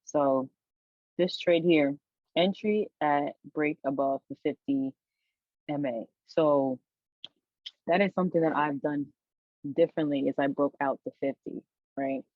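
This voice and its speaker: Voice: mid-range voice, measured pace, long pauses, no echo. A stock trader with the hiccups, giving a casual weekly recap of trades in a loose, rambling way with plenty of fillers. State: has the hiccups. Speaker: stock trader hosting a channel. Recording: dry, tinny phone-like audio.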